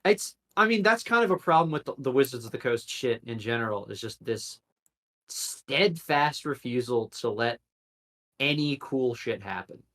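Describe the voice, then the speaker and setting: A man's voice: medium pitch, animated, normal speed, fairly bright tone. A man co-hosting a casual podcast chat, rambling with many fillers and restarts.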